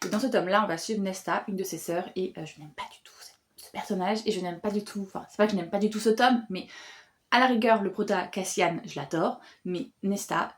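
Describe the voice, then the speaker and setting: A young woman chatting casually about books she bought, talking through frequent fillers with lively asides. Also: mid-range voice, brisk. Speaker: booktuber and bookseller. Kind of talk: casual book haul chat.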